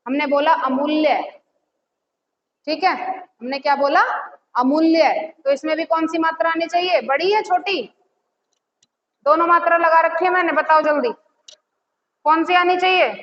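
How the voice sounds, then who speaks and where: High-voiced woman teacher, echoey room. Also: a bit bright. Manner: asks the class questions and answers them herself; repeats key words slowly. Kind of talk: classroom lesson. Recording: echoey, slightly dull audio with faint noise.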